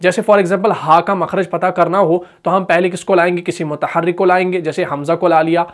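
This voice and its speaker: A man with a Pakistani Urdu accent teaching Quran recitation. He asks questions and answers them himself, and stretches out the example words slowly. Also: high-pitched, steady tone. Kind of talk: tajweed lesson.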